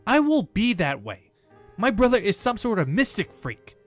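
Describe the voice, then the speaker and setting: A man's voice: sits high, wildly swooping pitch, moderate pace, faint music behind. A man playing a bitter, hot-headed mystic hunter in an amateur drama, scornful and emphatic. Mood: scornful anger. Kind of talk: amateur animated drama acting.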